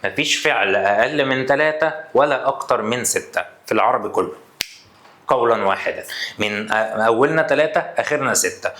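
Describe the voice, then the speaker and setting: A man's voice: medium pitch, lively intonation, brisk, pushed and bright. A man with an Egyptian Arabic accent teaching grammar in a playful, teasing way, acting out the questions his students might ask. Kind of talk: energetic classroom lesson. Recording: echoey room.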